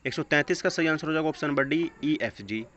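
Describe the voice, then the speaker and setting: This test-prep teacher's voice sits on the high side and is a bit bright, and he moves quickly as he reads through questions and answers. His delivery is instructional, sprinkled with English phrases, captured on dull lo-fi audio with clear background noise.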